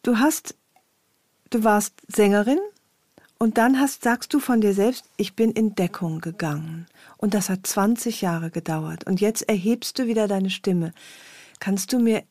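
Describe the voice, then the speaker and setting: A woman's voice: medium pitch, a little slow, a little mellow, dry recording. Woman host in a dry, close room. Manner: attentive, frequent affirming interjections. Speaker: podcast host. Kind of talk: interview conversation.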